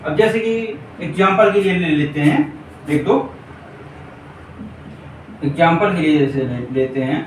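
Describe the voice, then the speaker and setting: Speaking at a measured pace with frequent pauses, this fairly high-pitched man leads an exam-prep Hindi grammar class at the board. He goes over points repeatedly and often checks that the class is following. It's recorded in an echoey room on a distant mic with faint hiss.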